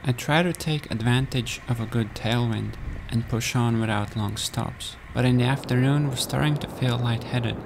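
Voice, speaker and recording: A young man from Latvia, giving calm, matter-of-fact voice-over narration of his own journey. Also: medium pitch, normal speed, gravelly, few pauses, noisy background. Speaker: cyclist recounting a race. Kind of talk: scripted narration.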